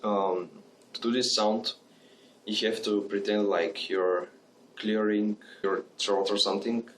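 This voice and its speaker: Slow-talking man teaching beatbox. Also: lowish voice, level tone, slight background noise. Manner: slow, halting, many fillers. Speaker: beatbox tutor. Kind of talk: casual spoken tutorial.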